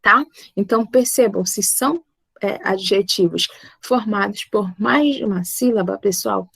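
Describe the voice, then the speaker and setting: A woman's voice: medium pitch, measured pace, vocal fry, fairly bright tone, breathy edge, no echo. A woman from Brazil teaching English grammar to her students, patiently repeating points and checking they follow.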